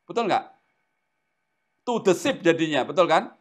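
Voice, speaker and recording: Male teacher, high and lively, running a classroom lesson with constant questions to students. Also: measured pace. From Indonesia. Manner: animated, asks the class questions often. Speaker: Greek language teacher.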